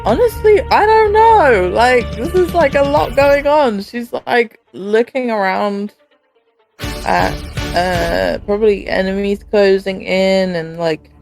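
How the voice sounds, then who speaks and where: A woman playing a tabletop game, talking casually and haltingly about what her character is doing. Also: medium pitch, lively intonation, gravelly, a little mellow, soft background music. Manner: hesitant, halting.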